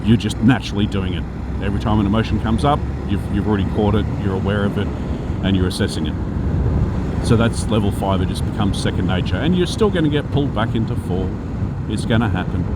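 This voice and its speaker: A man with a broad Australian accent speaks in a low register. He teaches informally and without a script, wandering and correcting himself as he talks to viewers. Heavy noise runs behind his voice throughout. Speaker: spiritual teacher and video host.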